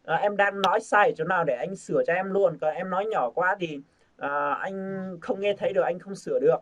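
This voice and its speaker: A man's voice: high voice, fairly quick. Coaxing male teacher from vietnam. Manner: coaxing, drills sounds by repeating them over and over. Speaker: English pronunciation teacher. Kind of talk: casual group lesson. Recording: dull lo-fi sound.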